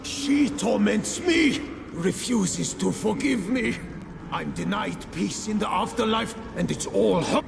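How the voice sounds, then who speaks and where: A man voicing a tormented, remorseful ghost of a squire in a video game, pleading and halting with a gravelly voice. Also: high-pitched, animated, full character voice. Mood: anguished. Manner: anguished, halting, pleading delivery. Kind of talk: dramatic video game voice acting. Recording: long ghostly reverb, noisy ambience.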